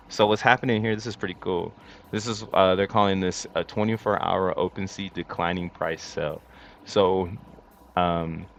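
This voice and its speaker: Deep-voiced crypto bro guy livestreaming. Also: fairly bright tone. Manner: crypto bro hype talk, slangy and boastful. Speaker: livestream host. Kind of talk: casual crypto commentary to a live chat. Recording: dull lo-fi mic with faint background noise.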